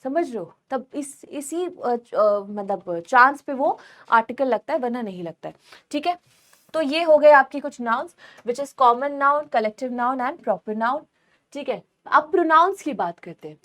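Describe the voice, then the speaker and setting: A woman's voice: high voice, animated, measured pace. Chatty young woman teaching grammar. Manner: chatty, mixes Hindi and English, asks learners questions. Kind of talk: recorded online lesson. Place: room with no one else present.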